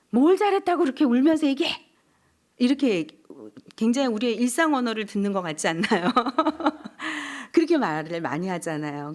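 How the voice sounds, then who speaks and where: A middle-aged woman giving a healing seminar talk at a church, acting out everyday voices as examples. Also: mid-range voice. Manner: animated, acts out quoted voices of parents and children. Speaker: seminar speaker.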